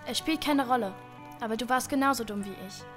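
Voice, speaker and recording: A woman voicing a proud and fragile flower, speaking softly in a radio play. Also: on the high side, brisk, music in the background, close to an everyday voice. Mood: hurt, tender. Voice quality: soft, hushed.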